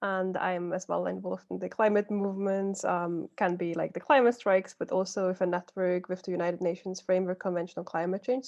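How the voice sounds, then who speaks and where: A woman's voice: lowish voice, warm tone, dull audio. A young woman from Switzerland speaking on an online panel, hesitant and often repeating words as she searches for them. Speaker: youth climate advocate, panelist.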